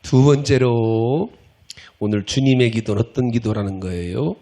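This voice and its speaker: A man's voice: mid-range voice, unhurried, dark tone. A middle-aged male pastor preaching a sermon, folksy and impassioned, scolding the congregation and acting out pleading prayers.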